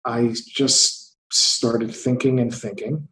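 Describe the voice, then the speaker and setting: Fifties guy chatting as an interview guest, thinks out loud, roomy echoey sound. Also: medium pitch, steady tone, slow pace, a little hiss or hum. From United States. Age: 50s. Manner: reflective, repeats words while thinking. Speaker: guest, theatre investor. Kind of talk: conversational interview.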